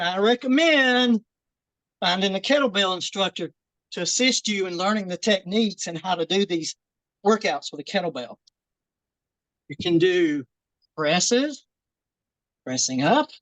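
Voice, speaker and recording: A woman's voice: lowish voice, a bit bright, dry recording, poor audio. Winded woman coaching a workout. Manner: encouraging, repeats "keep it simple, guys". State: out of breath. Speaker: fitness instructor. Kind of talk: workout demonstration and advice. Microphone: video call.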